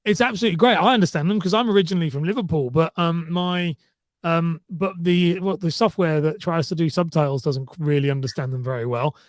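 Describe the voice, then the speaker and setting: Podcast guest: fast, chatty southern English man, fairly high voice, dry. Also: no room sound. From southern England. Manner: fast-talking, chatty, many fillers and restarts. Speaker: podcast guest, content marketer. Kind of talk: casual podcast chat.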